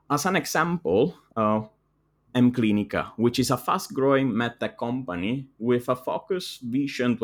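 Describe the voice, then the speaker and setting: A man hosting a podcast, reading a formal introduction and then asking his guest questions. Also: mid-range voice. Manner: formal, reads intro text. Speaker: podcast host.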